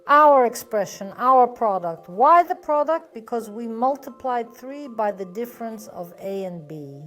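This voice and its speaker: A woman's voice: fairly high pitch, expressive, unhurried, fairly bright tone, faint music behind. A woman teaching a math lesson step by step, patient and methodical, often asking a question and then answering it herself.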